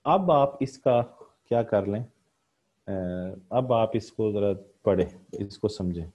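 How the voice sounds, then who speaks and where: A man's voice: on the low side, expressive, slow pace, darkish tone, muffled recording. A man giving a recorded economics lecture, explaining a graph step by step with frequent "uh" fillers and repeated pointing words.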